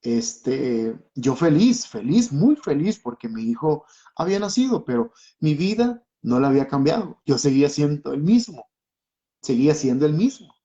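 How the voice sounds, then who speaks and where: A man's voice: fairly high pitch, big pitch swings, normal speed, mellow. A man, a pastor and church singer, giving an emotional testimony with impassioned storytelling, acting out quoted voices. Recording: slightly dull lo-fi audio.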